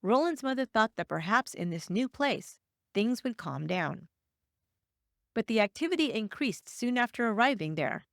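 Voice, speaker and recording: A woman narrating a true crime story in a measured, even, scripted way. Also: fairly high pitch, gravelly, no room sound, clean studio sound.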